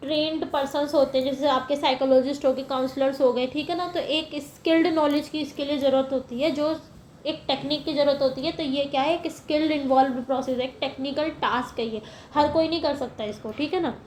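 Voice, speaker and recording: High-voiced woman teaching in an echoey room. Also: steady tone, a little fast, a little hiss or hum. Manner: explains step by step, often asking "ठीक है ना". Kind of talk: lecture to teacher-training students.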